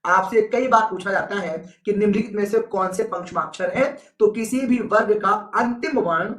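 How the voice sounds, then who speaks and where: A man's voice: high voice, moderate pace, fairly bright tone, echoey room. A male teacher giving a live online exam-prep lesson, repeating key points with emphasis and answering viewer comments as he goes.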